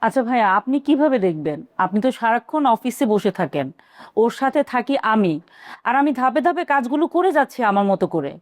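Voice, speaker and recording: A woman's voice: fairly high pitch, sing-song, fast, no room sound. An actress playing a young woman secretly running a scheme, answering her boss defensively. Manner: defensive, earnest. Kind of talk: TV drama acting.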